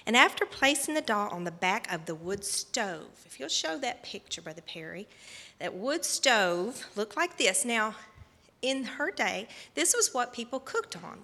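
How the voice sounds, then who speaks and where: A woman telling a children's story during a church service, in an animated, storytelling way. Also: medium pitch, in a large hall. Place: church sanctuary.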